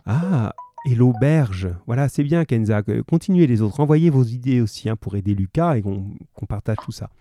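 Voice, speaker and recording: Dark-voiced friendly teacher on a call. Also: male voice, medium pitch, brisk, hardly any pauses, faint music behind. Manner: friendly, encouraging, hesitant with many fillers. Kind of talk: online class read-aloud and discussion.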